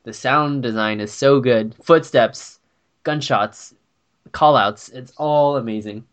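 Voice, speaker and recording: A man chatting casually about a video game, enthusiastic and quick to laugh. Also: medium pitch. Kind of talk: casual gaming chat.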